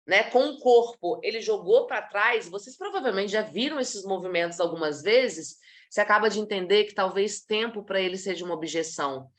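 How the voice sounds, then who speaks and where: A woman from Brazil gives a live online talk on body language to professionals. She is lively and demonstrative, acting out little scenes to make her points, in a mid-range voice. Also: mid-range voice.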